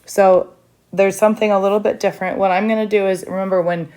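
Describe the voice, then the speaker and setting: A woman's voice: medium pitch, flat delivery, fast talker, mellow. A woman teacher recording a step-by-step math lesson for her students, chatty, with frequent fillers.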